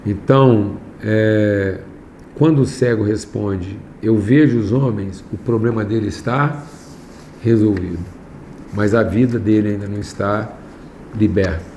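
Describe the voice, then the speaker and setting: Gravelly man preaching slowly and emphatically. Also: on the low side. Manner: slow and emphatic, swings from raised to hushed. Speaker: pastor teaching a class. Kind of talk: sermon. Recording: echoey room, faint background noise.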